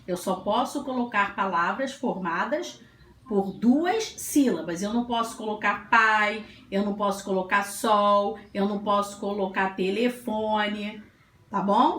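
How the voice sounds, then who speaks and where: A woman's voice: on the high side, fairly bright tone, slight background noise. A woman teacher giving a children's classroom lesson, patient and sing-song, stretching out syllables as she sounds out words. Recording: echoey room, faint ambience.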